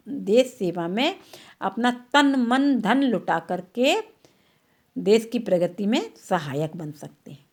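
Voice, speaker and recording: A woman's voice: medium pitch, a little mellow. A woman teacher giving an online class, patiently repeating words and checking that pupils follow.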